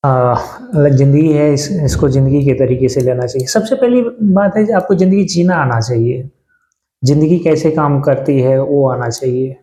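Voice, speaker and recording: A man in his thirties chatting reflectively to camera in a halting way, pausing and restarting often. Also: medium pitch, dark tone, reverberant. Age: 30s. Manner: halting, with many pauses and restarts. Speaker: vlogger. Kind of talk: casual reflective talk to camera.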